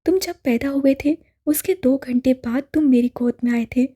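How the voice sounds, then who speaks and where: A woman's voice: on the high side, steady tone, normal speed, dark tone, slightly rough. Woman voicing a tearful, fiercely loving mother. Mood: pleading. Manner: insistent, emotional.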